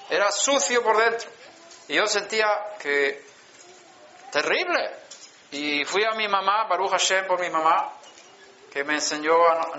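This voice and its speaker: A man, telling his testimony from the pulpit in a bright, fairly high voice. He paces the story slowly, with emphatic pauses. The sound is dull and lo-fi, like an old conference recording. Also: slight background noise. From Sweden. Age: 60s. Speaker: preacher. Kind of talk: sermon testimony.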